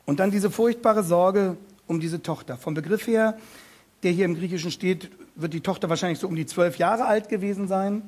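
Preaching on a passage from the Bible, a man with a high, darkish voice speaks with strong emphasis. He slows down and repeats key words, often turning to question his listeners directly.

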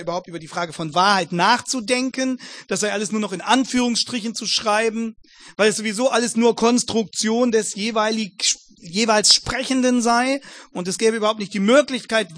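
A man with a notably high voice delivers a Bible exposition sermon. He speaks earnestly, addresses his audience formally and stacks emphatic repetitions. The sound is dry and close. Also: fairly bright tone, dry recording. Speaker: preacher.

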